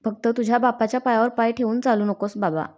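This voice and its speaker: A woman voicing a sharp-tongued, blunt old grandmother. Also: on the high side, steady tone, quick pace, lightly acted. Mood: wry. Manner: blunt, wry.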